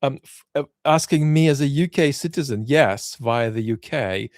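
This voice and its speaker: Thoughtful and prone to restarting sentences by repeating words, an adult channel host answers viewer questions in livestream Q&A commentary. His voice is medium in pitch at a moderate pace, captured as clean studio sound with no room sound. As a child, from nine to twelve, he lived in Israel.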